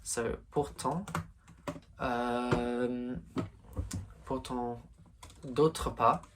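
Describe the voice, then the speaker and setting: In this screen-recorded exam walkthrough, a young English tutor in his late teens hesitates often and uses fillers as he reasons aloud. He speaks very slowly with fairly even intonation in a mid-range voice, and the recording is very noisy.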